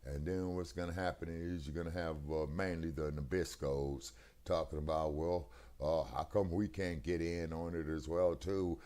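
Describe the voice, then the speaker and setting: A man's voice: rumbling low, fairly even intonation, moderate pace, dark tone. A man talking over a video call through a headset. He speaks emphatically, in a preachy way, and keeps checking "you see what I'm saying?". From United States. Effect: heard over a video call, connection breaking up. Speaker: co-host of a talk stream. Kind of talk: casual political discussion.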